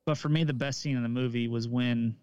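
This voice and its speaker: Smooth-voiced man, dull dry recording. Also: medium pitch, fairly even intonation, fairly quick, darkish tone, no room sound. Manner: easygoing, hedging, fills with "like" and "um". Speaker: podcast co-host and coach. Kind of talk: casual chat.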